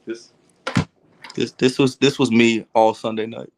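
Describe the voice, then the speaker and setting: A man's voice: medium pitch, little pitch movement, unhurried, slight background noise. A man hosting a casual sports podcast, ranting in an exasperated, heated way with swearing and teasing of his co-hosts. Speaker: podcast host.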